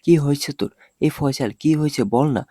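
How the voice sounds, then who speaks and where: A man's voice: medium pitch, a little fast, mellow, no echo, clean studio sound, lightly acted. A man voicing a caring middle-aged mother who fusses over a hurt girl. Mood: worried. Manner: fussing, affectionate.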